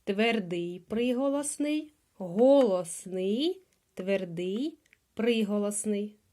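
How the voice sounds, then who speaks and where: Woman, Ukrainian accent, preschool teacher, phonics lesson, very slow, repeats every word, drawn-out sounds. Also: mid-range voice, lively intonation, dark tone.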